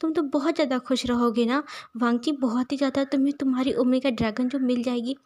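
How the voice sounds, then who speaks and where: A woman's voice: high voice, fairly even intonation, quick pace, darkish tone. A woman voicing a young man who is crying and despairing over his lover, speaking in a choked, pleading voice. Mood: tearful protest. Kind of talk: storybook narration.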